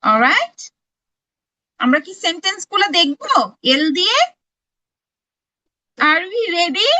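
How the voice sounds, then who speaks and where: A woman's voice: extremely high pitch, big pitch swings, slow, pushed and bright, low-quality recording. A woman with a Bangladeshi accent teaching children phonics, carefully enunciating each word and explaining in Bengali. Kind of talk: slow, deliberate phonics lesson for children.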